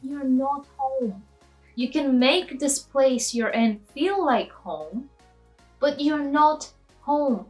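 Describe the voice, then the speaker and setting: A woman's voice: sits high, slow pace, faint music behind, low-quality recording. Passionate, preachy woman vlogger from Eastern Europe. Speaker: study abroad vlogger. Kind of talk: opinionated vlog rant.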